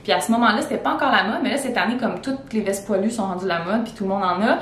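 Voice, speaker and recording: A young woman with a Québécois accent chats casually about her clothing finds, her talk full of fillers and restarts. She sits back from the camera, and the room rings with echo under a faint rumble. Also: fast talker. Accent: Québécois French. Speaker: teacher vlogger. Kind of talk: casual fashion haul chat. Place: indoors at home. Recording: echoey room, far from the mic, faint rumble.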